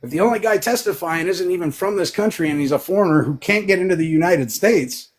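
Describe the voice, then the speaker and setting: A man hosting a casual livestream, telling stories in a profane, animated way and breaking into incredulous outbursts. His voice sits a little high for a man. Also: fast talker. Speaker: livestream host.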